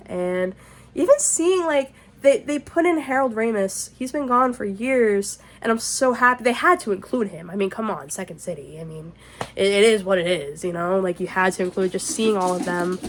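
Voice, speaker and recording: Rambling, excitable woman vlogger. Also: mid-range voice. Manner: rambling, excitable, swears freely; whispering to keep quiet. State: shaky with excitement. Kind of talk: casual vlog chat. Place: home, indoors.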